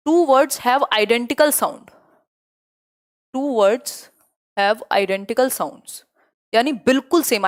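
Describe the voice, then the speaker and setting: A young woman teaching an online exam-prep lesson, explaining in a lively way, mixing English terms into her talk and often checking that her students follow. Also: fairly high pitch. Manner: lively, asks students many check questions; mixes Hindi and English terms.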